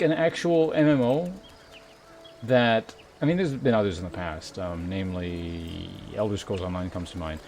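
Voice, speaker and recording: A man with a mid-range, slightly mellow voice chats casually while live streaming a game, rambling politely as he thinks aloud and reads out viewer messages. Music plays behind him.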